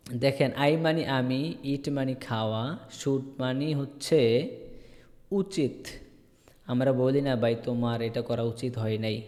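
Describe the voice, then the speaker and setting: A man leads an online English lesson, drilling each word again and again and asking students by name to repeat it. His voice sits at an ordinary middle pitch. A long reverb trails behind every phrase. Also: mellow. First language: Bengali. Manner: slow, repetitive drilling, calls on students by name. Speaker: English teacher. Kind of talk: online spoken English class. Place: online video call class.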